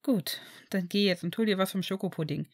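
A woman voicing a caring, steady young man, in an audiobook reading of fan fiction. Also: medium pitch, fairly quick, no echo, clean studio sound, close to an everyday voice. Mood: reassuring. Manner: reassuring, earnest.

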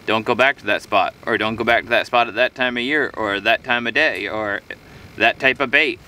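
A man's voice: mid-range voice, moderate pace, pushed and bright, distant mic. Rambling man vlogging outdoors in winter. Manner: rambling, easygoing, talking to himself while eating. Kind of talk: casual solo vlog. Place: outdoors on a frozen lakeshore in winter. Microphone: camera on a tripod a few metres away.

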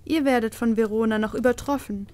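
A woman reading a storybook voices a male magic mirror spirit bound by an oath, speaking slowly and formally. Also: on the high side, a little mellow, close to an everyday voice. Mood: solemn. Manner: slow, measured and formal.

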